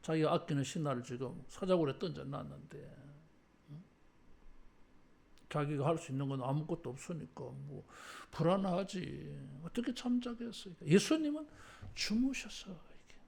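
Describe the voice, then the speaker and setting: A medium-pitched, gravelly voice with a darkish tone and lively intonation carries this sermon at a moderate pace. The pastor talks to the church congregation conversationally, often adding a filler word, asking them to repeat after them, and swinging between formal and casual registers.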